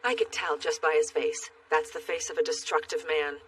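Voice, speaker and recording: An actress playing a stern, judgmental temple priestess, forceful and disapproving, in an anime dub. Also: female voice, low voice, normal speed, slightly rough, distant mic, rough recording. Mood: stern, scornful.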